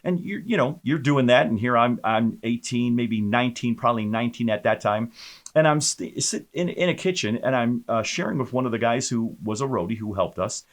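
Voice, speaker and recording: A man, a pastor, telling his personal testimony in an animated storytelling way, with many fillers and restarts. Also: mid-range voice, fairly quick.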